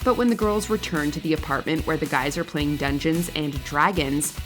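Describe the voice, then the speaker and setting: A woman with a low voice reads scripted narration for a countdown list at normal speed, with background music playing behind her.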